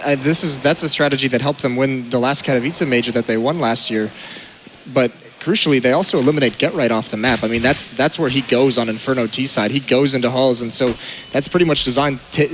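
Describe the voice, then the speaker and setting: A man's voice: medium pitch, fast talker. A man as an esports caster, giving explanatory analysis of a match. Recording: faint game noise behind commentary. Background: faint video game ambience.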